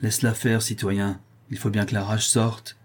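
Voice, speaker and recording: Man reading gruff ex-navy commander, firm, low husky voice, audiobook. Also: little pitch movement, normal speed. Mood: grim, steady. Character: gruff former naval commander, blunt and weary.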